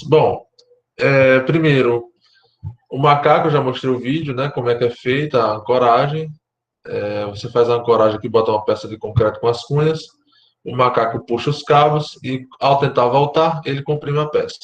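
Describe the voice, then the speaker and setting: A Brazilian man lecturing architecture students online, explaining step by step and often checking in with his class, his voice going hoarse. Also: mid-range voice, fairly even intonation, normal speed, reverberant, muffled recording. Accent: Brazilian Portuguese. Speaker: university lecturer.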